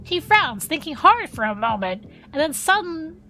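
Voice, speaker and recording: A woman streaming a game, reading the story aloud and breaking off into excitable reactions. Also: sits high, normal speed, faint music behind.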